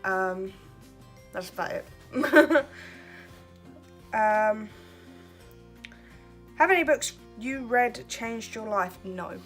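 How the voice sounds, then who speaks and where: A woman's voice: a little high, expressive, extremely slow, pauses often, faint music behind. A woman in her twenties from Kent, chatting casually and laughing at herself as she answers questions for her vlog. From Kent, England. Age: 20s. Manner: chatty, self-deprecating, laughs often. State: relaxed late at night. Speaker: vlogger. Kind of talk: casual get-to-know-me chat.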